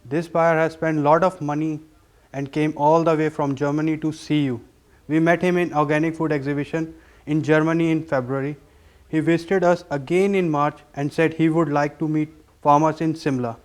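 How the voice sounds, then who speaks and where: A man's voice: fairly high pitch, little pitch movement, normal speed. A man introducing a buyer to a group in a plain, announcing manner.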